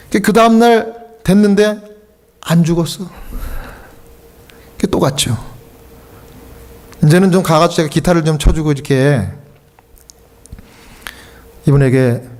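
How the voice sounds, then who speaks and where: A man's voice: mid-range voice, a little mellow. A man speaking Korean, a pastor and hospice chaplain, telling a story in a conversational sermon and acting out the lines of the people in it. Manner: conversational, acts out quoted dialogue. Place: church sanctuary.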